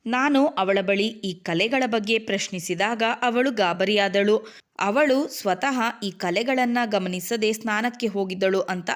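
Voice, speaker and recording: A woman narrating a dramatic first-person story in a measured storytelling manner. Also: mid-range voice.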